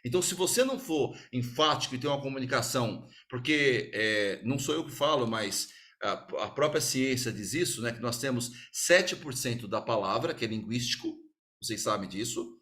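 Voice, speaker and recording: A man with a Brazilian Portuguese accent giving an energetic sales talk to a small group, acting out little customer dialogues as he explains. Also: medium pitch, normal speed. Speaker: sales speaker.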